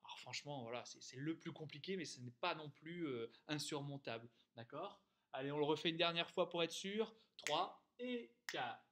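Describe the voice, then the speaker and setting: A man's voice: fairly high pitch, expressive, moderate pace, few pauses, a bit bright, slight background noise. A man teaching a music lesson, explaining rhythm and intervals patiently and singing syllables and note names, with a piano behind him.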